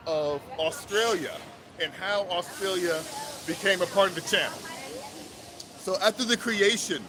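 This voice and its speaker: A high-pitched man hosts a live stream, slangy and animated, jumping from loud bursts to low mutters as he reads the chat. He talks outdoors by a street, and heavy traffic noise runs under his voice. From United States. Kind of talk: casual live stream chat, reading out viewer comments.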